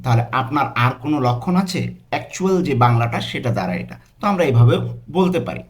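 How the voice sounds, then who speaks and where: A man with a Bangladeshi accent teaching a language lesson, saying example phrases slowly and breaking them into parts. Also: medium pitch, a bit bright. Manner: slow, drawn-out pronunciation of example phrases.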